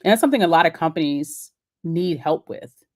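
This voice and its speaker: A woman's voice: sits low, lively intonation, brisk. A woman hosting a casual live-stream Q&A about remote work, chatty and encouraging, with many fillers and restarts. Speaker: host of a live Q&A.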